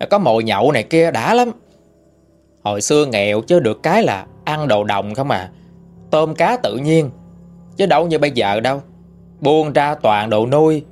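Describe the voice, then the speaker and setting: A man with a Southern Vietnamese accent telling a ghost story in a chatty, folksy way. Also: mid-range voice. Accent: Southern Vietnamese (Mekong Delta). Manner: chatty, conversational. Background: faint background music.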